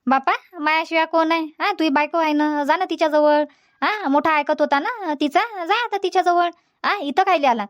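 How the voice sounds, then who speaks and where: A high-pitched, scolding elderly village mother, as a woman voices her. She talks down her son in a stubborn, repetitive, dismissive way, a cartoon comedy character. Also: fairly even intonation, moderate pace, natural voice. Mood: sarcastic.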